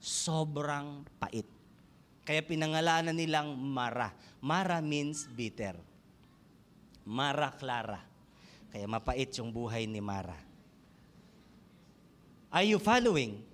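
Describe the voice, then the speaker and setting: A man's voice: medium pitch, lively intonation, takes it slowly, pauses often, fairly bright tone, slight background noise. A man with a Filipino accent preaching a sermon in church, switching between Tagalog and English and asking the congregation questions. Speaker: pastor.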